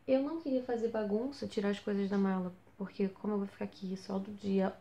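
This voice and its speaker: A young woman telling a story in a casual vlog from a small basement bedroom, animated and full of rhetorical questions. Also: medium pitch, brisk, highs cut off. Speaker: vlogger on exchange.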